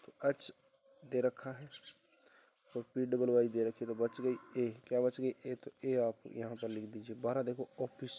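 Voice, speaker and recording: A man's voice: medium pitch, little pitch movement, measured pace, warm tone, lo-fi sound, a little hiss or hum. A male teacher going through an exam paper, repeating questions back to his students and spelling words out letter by letter. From India.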